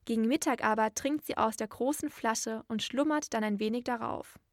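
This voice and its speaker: A woman's voice: on the high side, moderate pace, dry recording, clean studio sound, close to an everyday voice. A woman voicing a wild little robber girl, blunt, bossy and threatening, in a storybook reading. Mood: brusque.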